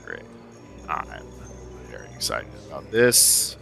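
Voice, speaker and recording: A man playing a tabletop game, describing his actions slowly with drawn-out fillers. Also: a bass voice, wildly swooping pitch, gravelly, music in the background. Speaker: player.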